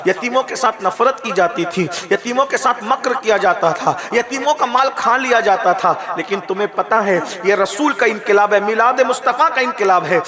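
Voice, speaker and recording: A male preacher telling a story in an emotional sermon. His delivery is dramatic and rises to shouts at the peaks. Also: high-pitched. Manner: dramatic, rising to shouts at climaxes. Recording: loud crowd behind the voice.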